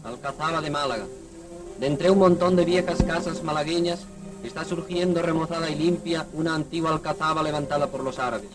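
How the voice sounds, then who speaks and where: A man's voice: fairly high pitch, steady tone, fairly quick. A man reading formal, declamatory 1930s old newsreel commentary. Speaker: newsreel narrator. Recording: distant 1930s newsreel soundtrack with music.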